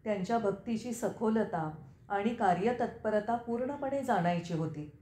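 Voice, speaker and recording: Woman reading as a grieving young king, earnest, storybook reading, mellow tone, echoey room. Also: medium pitch, moderate pace, slight background noise, lightly acted. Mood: sorrowful. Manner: sorrowful, earnest.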